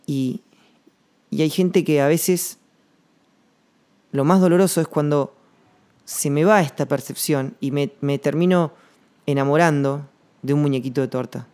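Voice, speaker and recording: A man with a Rioplatense Spanish accent hosting a reflective solo podcast monologue, rambling and slangy, thinking aloud with pauses. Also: fairly high pitch, fairly even intonation, mellow, clear, resonant tone. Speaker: podcast host.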